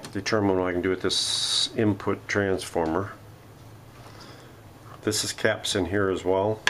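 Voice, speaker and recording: Working in his home workshop, the host of a radio repair vlog gives a casual, unscripted hands-on demonstration and thinks aloud as he goes. His voice sits low, and there's a little hiss or hum on the recording.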